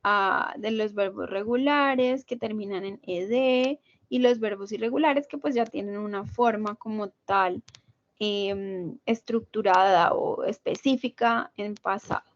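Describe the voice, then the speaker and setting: A woman's voice: medium pitch, unhurried, no room sound. A woman teaching an English grammar class online, explaining patiently step by step and checking in with her students. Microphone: video call. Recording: lo-fi video call audio.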